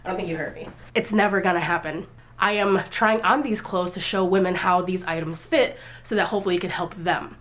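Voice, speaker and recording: A young woman fashion vlogger, stuffy and sniffly from a cold, hosts her channel's casual try-on haul, chatting candidly straight to camera outdoors in the wind. Her voice is on the low side, steady in tone and a little fast. The sound is a bit bright, with roomy echo, a distant mic and faint ambient noise.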